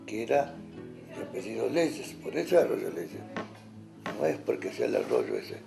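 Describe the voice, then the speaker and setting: A man's voice: lowish voice, wildly swooping pitch, moderate pace, creaky, over music. A man, a local resident who talks hesitantly and searches for words in a documentary interview. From Argentina.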